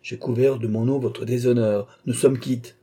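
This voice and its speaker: A man voicing a domineering husband who sneers and shouts at his wife, in a dark, husky voice. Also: mid-range voice, flat delivery, normal speed, pitched above the performer's own voice, lightly acted. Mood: sneering.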